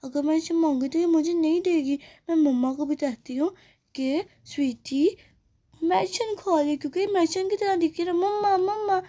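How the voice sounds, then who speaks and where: A woman's voice: extremely high pitch, normal speed, warm tone. A woman voicing a sneaky tattletale girl doll who schemes and talks asides to herself, in a doll play story.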